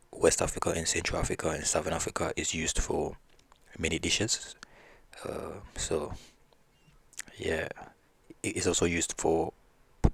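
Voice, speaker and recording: Laid-back male storyteller, low and gravelly, husky voice. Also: no echo. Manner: relaxed, with restarts. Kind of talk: casual folk-tale storytelling.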